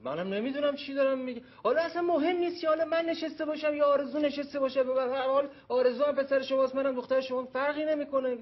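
An actor playing an evasive young adult son who smooth-talks and makes excuses, in a TV sitcom. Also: male voice, very high-pitched, fairly even intonation, few pauses, highs cut off. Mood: placating. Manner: excuse-making, smooth-talking. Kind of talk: TV sitcom acting.

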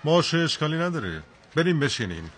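An actor playing a kind, patient schoolteacher in a dubbed cartoon, who talks in a gentle, encouraging way. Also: male voice, on the high side, big pitch swings, background noise. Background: background music.

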